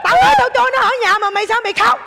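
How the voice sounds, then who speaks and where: A woman's voice: very high voice, expressive, very fast, creaky, over a noisy crowd, heavy background noise, heavily acted. A woman playing a crude, bumbling stepmother in a stage comedy sketch, brash and bickering. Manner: brash, bickering, slapstick shouting. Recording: live stage with music and audience.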